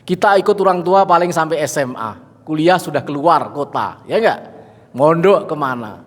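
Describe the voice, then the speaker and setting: A middle-aged man with a Javanese accent preaching a lively sermon to a gathering, chatting with and joking with the audience. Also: a little high, moderate pace. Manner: lively, mixes in Javanese phrases and jokes with the audience. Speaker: Islamic preacher. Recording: long hall reverb.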